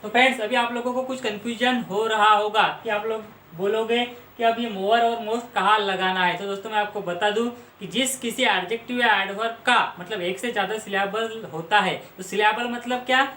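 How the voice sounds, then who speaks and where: A man's voice: high-pitched, fairly even intonation, fairly quick, few pauses, sharp tone. A man from Maharashtra teaching English grammar, patiently explaining and repeating word lists. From Maharashtra, India. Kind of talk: explanatory lesson. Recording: roomy with faint background noise.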